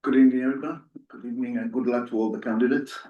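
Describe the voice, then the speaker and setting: A man's voice: mid-range voice, fairly even intonation, very fast, dull audio. A man born in Ethiopia and raised in Italy, a candidate giving an earnest, hesitant speech full of fillers at a community meeting. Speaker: board candidate. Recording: echoey room, voice from far off.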